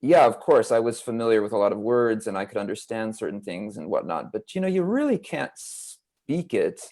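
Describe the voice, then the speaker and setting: Give me an American man from Los Angeles, speaking as the guest in a casual interview. His voice sits on the low side, and he tells his story at length in a reflective, wandering way. He is heard over a video call. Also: big pitch swings, normal speed, darkish tone. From Los Angeles, United States. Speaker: guest author.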